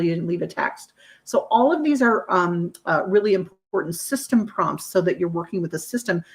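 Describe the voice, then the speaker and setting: A woman leading a screen-share software training, explaining features in an upbeat, conversational way with frequent fillers. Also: fairly low pitch.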